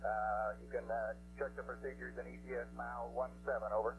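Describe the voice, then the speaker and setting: A man working as capsule communicator on a crackly, breaking-up space radio link, reading instructions in a halting way with many "uh" pauses. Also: mid-range voice, level tone, music in the background. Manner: halting delivery full of "uh" pauses. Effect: crackly, breaking-up space radio transmission. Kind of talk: procedural radio voice traffic. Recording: muffled noisy 1969 mission radio loop.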